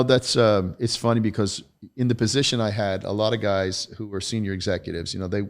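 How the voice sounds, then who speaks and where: Middle-aged male guest, gravelly voice, candid, emphatic storyteller. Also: fairly low pitch. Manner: emphatic, blunt, self-deprecating. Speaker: podcast guest, retired federal agent.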